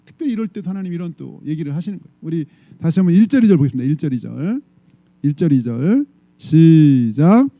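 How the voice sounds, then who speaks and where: A man's voice: high-pitched, muffled recording. A male pastor preaching a conversational sermon to his congregation, often putting questions to them and answering himself. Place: church sanctuary.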